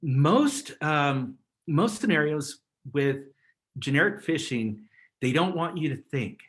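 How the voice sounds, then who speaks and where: A man's voice: on the high side, expressive, slow pace, a bit bright. Chatty man giving a webinar. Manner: chatty, rambling, chuckles often. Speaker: webinar presenter. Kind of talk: casual instructional talk.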